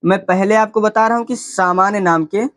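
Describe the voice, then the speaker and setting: A man runs through a chemistry class in a high voice. He poses questions and answers them himself, repeating each term for his students. The sound is close and dry. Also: brisk, fairly bright tone, no room sound. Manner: repetitive, asks and answers his own questions. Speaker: chemistry teacher. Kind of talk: classroom lecture.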